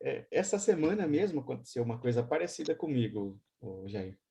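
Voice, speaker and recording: A man hosting a spiritual study group, speaking in a calm, reflective way. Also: medium pitch, a little fast, vocal fry.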